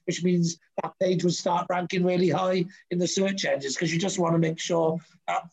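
High, gravelly man hosting a chat. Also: darkish tone, dull audio. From Wales. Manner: chatty, rambling with many fillers. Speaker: podcast host. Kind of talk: casual interview chat.

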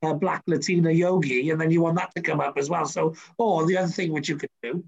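A man's voice: on the high side, fairly even intonation, fast, creaky, husky, highs cut off. A man hosting a casual interview, chatty and rambling with lots of fillers. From Wales. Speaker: podcast host.

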